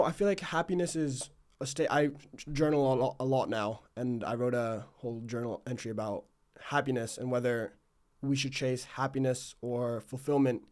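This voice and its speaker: A man with a mid-range, slightly mellow voice hosts a podcast as its interviewer. In casual, reflective chat he rambles and questions himself while circling toward his questions.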